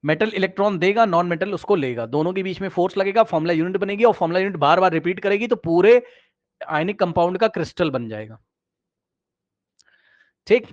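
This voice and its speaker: A man teaching chemistry in a casual classroom manner, repeating key phrases and checking in with his listeners, often dropping quieter as he points at the screen. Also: high voice, animated, brisk. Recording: slightly dull, lo-fi recording.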